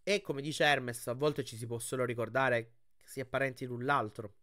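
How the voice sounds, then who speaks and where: A man hosting his channel, reading a novel aloud with expressive storytelling and then commenting on the chapter in a chatty, thoughtful way. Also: mid-range voice, normal speed, no echo, studio quality. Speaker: audiobook reader and channel host.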